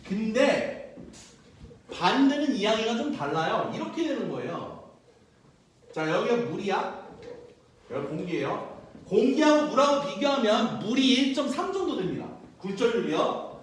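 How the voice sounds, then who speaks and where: A young male physics teacher lecturing with loud, slangy jokes and animated storytelling, recorded by a distant mic in a classroom. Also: high-pitched, moderate pace, pauses often, slight background noise. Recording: very echoey room, mic far off.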